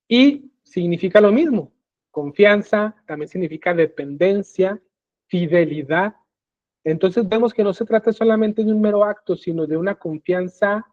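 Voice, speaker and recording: A man with a high voice teaches a Bible class over a video call, explaining step by step and checking that listeners are following. The sound is thin and phone-like, and it is dry, with no room echo. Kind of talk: live online Bible class. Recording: tinny phone-like call audio.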